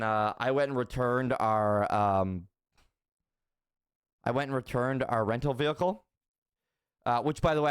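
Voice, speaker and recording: A man's voice: mid-range voice, clear, resonant tone, no room sound, clean studio sound. A young man casually telling stories, swearing often, repeating his phrases and laughing as he talks. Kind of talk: casual storytelling chat.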